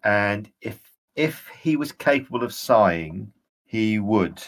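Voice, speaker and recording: A man running a tabletop role-playing game as game master, describing scenes in a halting way. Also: fairly low pitch, expressive.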